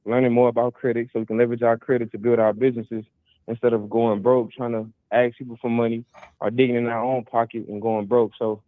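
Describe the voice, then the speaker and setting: A man's voice: mid-range voice, little pitch movement, quick pace, no echo. A man in his twenties, calling in to a morning talk show on a muffled phone line that sounds like he is in a tunnel. He speaks earnestly and motivationally, in long run-on stretches. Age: 20s. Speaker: caller. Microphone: phone call. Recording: tinny, dry phone line.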